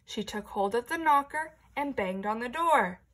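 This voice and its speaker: Heavy background noise surrounds a woman teacher reading a picture book to young children at a moderate pace. Her voice is a little high with lively intonation, and she narrates expressively while slipping into whispered asides.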